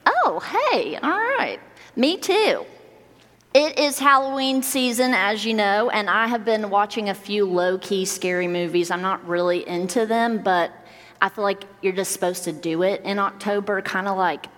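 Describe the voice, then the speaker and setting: A woman's voice: medium pitch, fairly even intonation, moderate pace, a bit bright. A young woman preaching a casual, joking sermon as a church youth minister. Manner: playful, joking asides. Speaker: minister of students and young adults. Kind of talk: conversational sermon. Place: large church sanctuary. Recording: long hall reverb.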